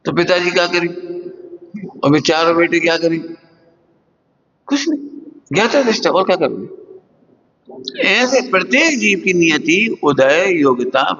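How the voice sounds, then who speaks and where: Brief: male preacher, high voice, plain talk, everyday examples, dull lo-fi recording with hall reverb. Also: a bit bright. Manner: plain-spoken, questioning listeners, homely examples. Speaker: Jain spiritual teacher. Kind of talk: sermon.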